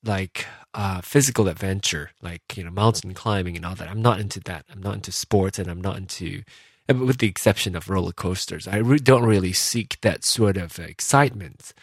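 A man hosting a podcast, talking casually and reflectively about himself, often pausing and rephrasing as he thinks aloud. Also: low voice, slightly rough, no room sound, studio quality. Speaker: podcast host. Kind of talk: casual reflective personal monologue.

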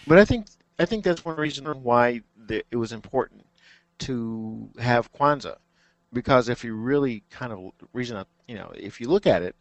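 A man's voice: medium pitch, lively intonation, normal speed, no room sound. A man speaking as a guest on a talk show. He is thoughtful and hesitant, with frequent "um"s. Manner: thoughtful, hesitant, many fillers. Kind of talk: casual radio talk.

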